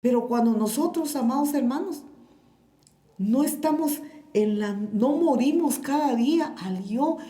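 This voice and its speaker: Woman pastor, Guatemalan accent, warm soft voice, storytelling sermon. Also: high-pitched, lively intonation, a little slow, echoey room. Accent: Guatemalan Spanish. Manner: storytelling, addresses the congregation directly. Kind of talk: sermon with testimony.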